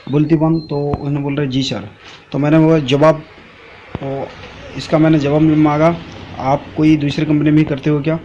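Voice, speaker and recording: A man tells his viewers a story in a loose, rambling way. He often pauses on drawn-out fillers and checks in with "theek hai." His voice sits a little high, with a faint hiss of noise behind it. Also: a little mellow. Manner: reads out chat messages aloud. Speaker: MLM channel host.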